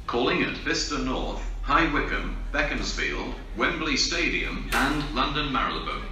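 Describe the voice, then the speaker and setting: A man's voice making automated station announcements over a platform loudspeaker in a flat, measured delivery. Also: mid-range voice, a little hiss or hum. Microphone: recorded from the platform. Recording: echoey platform, far off, music.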